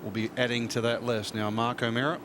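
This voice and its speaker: Man, golf commentator, conversational, average pitch, clear ambient noise. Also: flat delivery, fairly quick.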